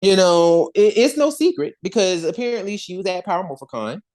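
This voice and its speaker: A woman's voice: medium pitch, fairly quick. A woman hosting a podcast, talking in a casual, gossipy way with lots of slang and frequent laughter. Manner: animated, slangy, laughs often. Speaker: podcast host.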